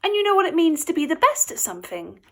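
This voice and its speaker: A woman voicing an adult woman doctor who answers a child in a brisk, matter-of-fact way. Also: extremely high pitch, very animated, pitched above the performer's own voice, heavily acted. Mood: patient.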